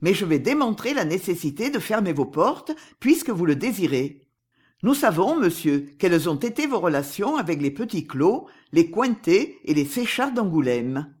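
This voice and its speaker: A narrator voicing a disguised male swindler, calm and commanding, in an audiobook with a husky voice. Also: medium pitch, moderate pace. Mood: smooth. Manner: calm, commanding, coolly persuasive. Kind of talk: audiobook character reading.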